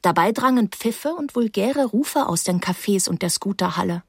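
A woman narrating a first-person novel as an audiobook, calm and wry. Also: mid-range voice, normal speed, husky, dry recording, studio quality.

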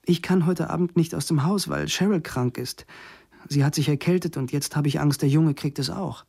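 A man's voice: on the high side, normal speed, vocal fry, mellow, breathy edge. A man voicing a lonely woman who pleads urgently on the phone. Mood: anxious.

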